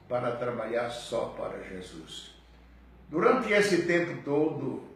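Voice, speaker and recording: An older man, a pastor, telling his personal testimony in a slow, earnest way. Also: a little high. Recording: very echoey, distant mic.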